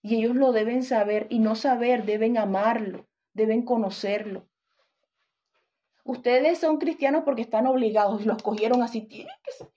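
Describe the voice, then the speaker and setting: Impassioned woman preacher, mellow voice. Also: a little high, moderate pace, lo-fi sound. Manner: impassioned, direct questions to the congregation. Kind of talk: sermon.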